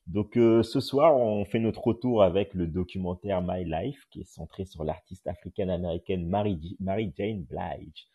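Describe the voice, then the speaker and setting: A man's voice: sits low, moderate pace, few pauses, mellow, breathy edge, lo-fi sound. A man hosting a casual live podcast room as a journalist, talking with lots of hesitant filler sounds over a phone mic on an audio app. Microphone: phone on an audio chat app.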